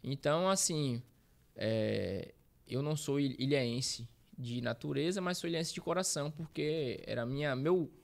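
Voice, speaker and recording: A man's voice: mid-range voice, moderate pace, vocal fry. A man in his thirties from Bahia, Brazil, a guest telling his life story in a casual interview, rambling and correcting himself as he goes. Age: 30s. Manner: rambling, self-correcting, uses slang fillers. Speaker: guest, street reporter.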